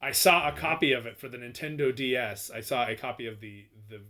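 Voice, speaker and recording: A man's voice: mid-range voice, fairly quick, sharp tone. A man hosting a podcast in casual chat, wry and sarcastic.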